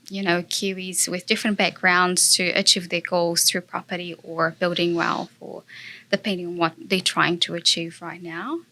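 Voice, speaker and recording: A woman's voice: on the low side, bright, forceful tone. A woman from Brazil with a Brazilian Portuguese accent, a guest chatting in an interview in an earnest way with many fillers. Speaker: guest, property investor. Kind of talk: casual interview chat.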